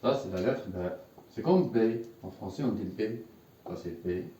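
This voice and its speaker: Here a man with a low-pitched, mellow voice teaches Arabic at a whiteboard, animated and at a moderate pace, patiently repeating words for the class to echo. The highs are cut off and there's a little hiss or hum. His voice comes from a distance in an echoey room.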